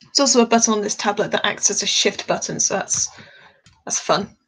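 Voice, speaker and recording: A woman's voice: mid-range voice, fairly quick, a bit bright, low-quality recording. A woman chatting casually on a live stream while she draws, a bit tired, rambling and laughing often.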